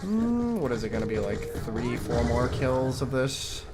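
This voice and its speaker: A man's voice: medium pitch, very animated, measured pace, loud music behind the voice. A man with a Midwestern accent giving casual, rambling gameplay commentary as a streamer. He swears freely and talks to himself as he plays. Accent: Midwestern American. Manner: rambling, profane, talks to himself while playing.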